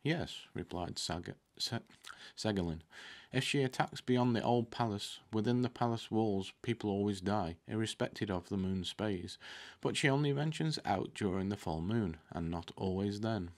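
At a desk in an indoor room with curtains, a book reader in his thirties speaks into a desktop microphone placed close in front of him. He has a lowish voice and a moderate pace. Reading a fantasy novel, he now and then stumbles over a word and corrects himself.

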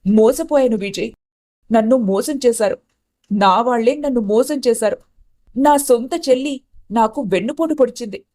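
A woman voicing a scheming young elder sister in an animated story, who talks in a tense, accusing way. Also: sits high, normal speed.

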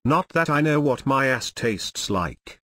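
Brash, crude-joking man with a lively voice. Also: medium pitch, measured pace, no room sound. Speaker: gameplay commentator. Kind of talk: comedic gameplay commentary.

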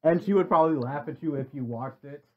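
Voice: mid-range voice, quick pace. Teasing young adult on dull lo-fi mic. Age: 20s. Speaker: podcast guest. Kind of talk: casual group chat.

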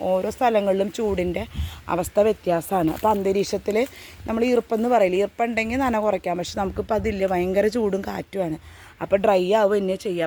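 A woman's voice: medium pitch, a little mellow. A woman vlogging in her home garden outdoors, giving casual how-to advice in an earnest way. She repeats her warnings and adds friendly tag questions.

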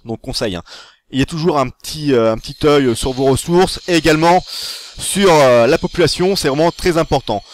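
A man giving a casual tutorial, commentating over his own game. He is chatty and excitable and corrects himself as he goes. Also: a little high, a little fast, slight background noise. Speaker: gaming tutorial host.

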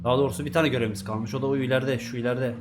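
A man's voice: mid-range voice, fairly even intonation, racing, noisy background. A man giving casual let's-play commentary, chatting to himself and swearing at the game's characters. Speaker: gaming YouTuber.

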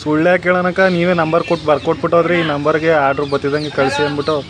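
A man with a rural southern Karnataka Kannada accent makes a prank phone call, his voice on the high side, flat and racing. He pesters the other person casually and insistently with feigned earnestness, and the call recording is noisy.

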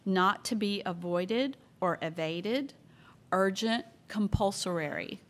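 A woman acting as pronouncer at a spelling bee, reading out words, definitions and sample sentences in a measured, plain way. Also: medium pitch. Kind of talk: announcing words at a public contest.

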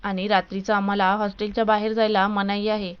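A woman's voice: mid-range voice, flat delivery, fairly quick, clear, resonant tone, muffled recording, lightly acted. A woman voicing a young college woman who protests and acts innocent. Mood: protesting. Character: quick-talking, pleading young college woman.

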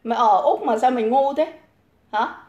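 Woman on a livestream, yelling insults and taunts, kinda high voice, echoey room. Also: normal speed, muffled recording. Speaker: livestream host. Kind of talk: profane livestream rant.

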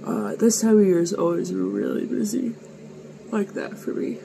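A woman's voice: medium pitch, moderate pace, vocal fry, noisy background. A tired woman in her twenties chatting candidly to camera in a rambling, self-deprecating way, with some swearing, partly outdoors in the cold and partly at home. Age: 20s. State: sleepy and worn out. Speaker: vlogger. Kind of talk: casual vlog chat.

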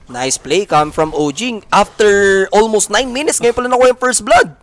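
A man casting an esports match, calling plays fast and excitedly in a mix of Tagalog and English. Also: high voice. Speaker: play-by-play caster.

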